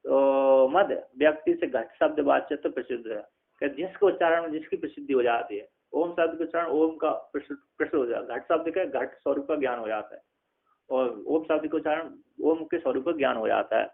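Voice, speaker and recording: A man teaching scripture in a discourse, reciting Sanskrit lines slowly and then explaining them with many restarts. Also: on the high side, vocal fry. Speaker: Vedanta teacher. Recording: phone-like narrow sound.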